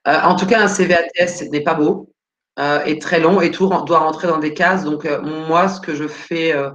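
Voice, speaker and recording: A woman's voice: low-pitched, fairly even intonation, normal speed, a bit bright, highs cut off. A woman career coach answering questions live on a video call, hesitant and full of fillers while searching her files.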